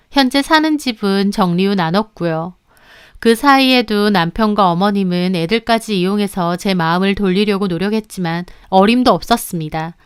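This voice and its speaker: A woman's voice: mid-range voice, clear, resonant tone, dry recording, clean studio sound. Indignant woman narrating her story. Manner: indignant, matter-of-fact storytelling. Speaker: narrator of a reader-submitted story. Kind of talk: scripted first-person story narration.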